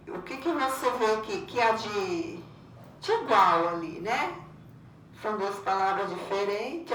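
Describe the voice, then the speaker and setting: A woman's voice: mid-range voice, fairly bright tone, a little hiss or hum. A Brazilian woman teacher giving a patient video lesson to children, repeating each instruction and often checking with "né?". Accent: Brazilian Portuguese. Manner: patient, repeats instructions, many "né?" tag questions. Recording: roomy echo, far from mic, faint ambience.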